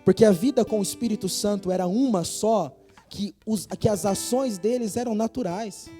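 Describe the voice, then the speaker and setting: A man with a Brazilian Portuguese accent preaching a sermon in a church, earnest and building to forceful emphasis. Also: high voice, normal speed, faint music behind. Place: church hall.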